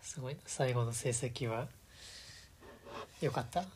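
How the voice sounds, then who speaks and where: A woman's voice: rumbling low, unhurried, a little mellow, a little hiss or hum. A woman hosting a casual chat, asking questions and agreeing often in an encouraging way. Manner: encouraging, frequent agreeing backchannels.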